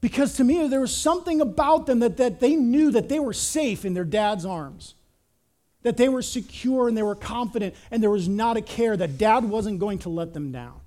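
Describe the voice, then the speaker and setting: A middle-aged man preaching a sermon as pastor, telling stories in an animated way and often repeating words. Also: very high voice, moderate pace. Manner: animated storytelling, repeats words, acts out quotes.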